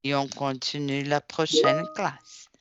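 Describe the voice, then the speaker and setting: A woman teacher, deliberately spelling out words letter by letter during a class. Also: rumbling low, little pitch movement, a bit bright, smooth, dry recording, muffled recording. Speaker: language teacher. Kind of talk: online class instruction.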